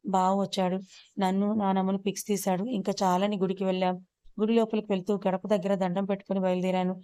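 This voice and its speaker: Flat, mellow-voiced woman storyteller. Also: medium pitch, clean tone, no echo. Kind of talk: first-person audio story narration.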